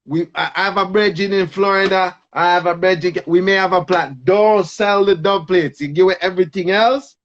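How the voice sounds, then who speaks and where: A man's voice: high-pitched, steady tone, moderate pace, few pauses, muffled recording. A man hosting a live stream. He pleads with insistent repetition over an online call, and his audio is choppy and keeps breaking up. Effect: choppy, breaking-up internet connection. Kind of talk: casual live-stream chat. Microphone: online video call.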